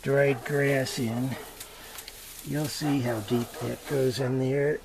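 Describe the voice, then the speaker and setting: Slow, folksy older man. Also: medium pitch, steady tone, vocal fry. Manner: folksy, unhurried, halting with many fillers. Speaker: homesteader showing his build. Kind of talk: casual DIY demonstration. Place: inside a small greenhouse. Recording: noisy camera audio.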